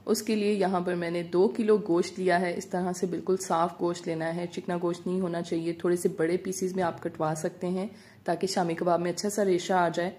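A woman narrating a home recipe as a voice-over, giving calm step-by-step cooking instructions. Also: fairly low pitch, brisk. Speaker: cooking channel host.

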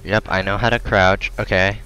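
A man playing a video game and commenting, rambling, swearing often and bursting into loud excited outbursts, close to his microphone. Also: fairly low pitch, moderate pace, smooth, low-quality recording. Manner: rambling, stumbling over words. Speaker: gamer. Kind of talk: let's play commentary. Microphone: close desk mic.

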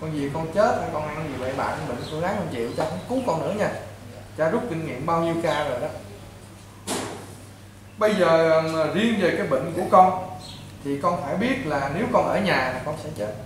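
A high-pitched man with a Southern Vietnamese accent, a priest who counsels a patient in blunt, repetitive lectures. He sounds distant from the microphone. The room is strongly echoey, with clear background noise. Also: animated, fairly quick. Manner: blunt, repetitive, lecturing, addressing the listener as a child. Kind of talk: informal counseling talk to a patient.

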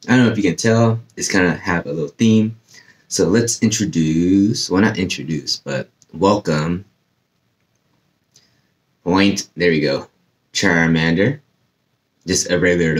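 A young man with a deep, low voice chats his way through a casual unboxing vlog. His speech is loose and full of fillers, and his mouth is a little numb from dental surgery, so some words come out slightly slurred. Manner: chatty, rambling with many fillers. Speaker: YouTube host.

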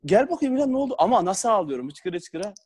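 A man with a high, light voice spins lively anecdotes over a video call. He laughs through his stories and acts out the lines of the people in them. The sound is plain call audio. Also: fast, breathy edge. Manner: animated, laughs often, acts out quotes. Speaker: former footballer. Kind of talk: casual storytelling on a video call.

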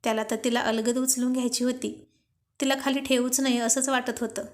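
Woman with a high voice reading a love story, does all the dialogue herself. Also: level tone, a little fast. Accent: Marathi. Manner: reads every character's dialogue in her own voice. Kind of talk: reading a romance story aloud.

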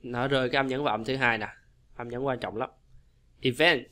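Male teacher, bright tone, chatty and repetitive, slows down to model words, from Vietnam. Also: medium pitch, fairly even intonation. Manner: chatty, repetitive, quick asides with slow modeled English words. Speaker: English pronunciation teacher. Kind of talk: casual explanatory lesson.

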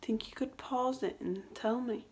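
A woman's voice: on the high side, a little slow, slight background noise. A woman teacher reading a children's storybook aloud indoors and asking the children questions along the way. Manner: expressive, asks the children questions.

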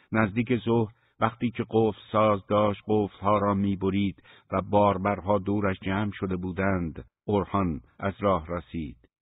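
A man reading a novel aloud as an audiobook narrator, with a measured, even storytelling delivery. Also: sits low, breathy edge, no room sound. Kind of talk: scripted narration. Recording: thin phone-like dry recording.

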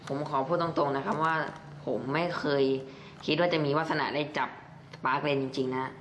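A man's voice: on the high side, fairly even intonation, moderate pace, fairly bright tone. A young man chatting casually through a toy review and padding his sentences with polite particles. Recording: echoey room, faint background noise.

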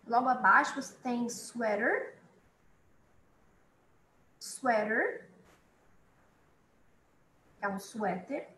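A woman teaching a beginners' online English lesson, chatty, repeating each word slowly for her students. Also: a little high, sharp tone, roomy sound, a little hiss or hum, rough recording.

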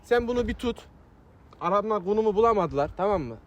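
A man on the street quickly and persuasively asks strangers for help. He speaks briskly in a slightly high voice. His tone is urgent and explanatory. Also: animated, dull audio, a crowd in the background. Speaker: prank accomplice. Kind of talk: casual street talk. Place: outdoors on a street.

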